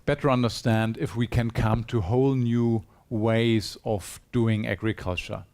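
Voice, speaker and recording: A man presents at a conference in a hall, earnestly and persuasively posing rhetorical questions to the audience. His voice is fairly low, steady and slightly mellow, and he takes his time.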